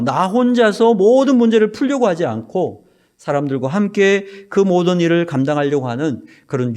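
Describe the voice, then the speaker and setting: A male pastor preaching an earnest sermon in a church, his voice dropping low at the ends of phrases. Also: darkish tone. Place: church sanctuary.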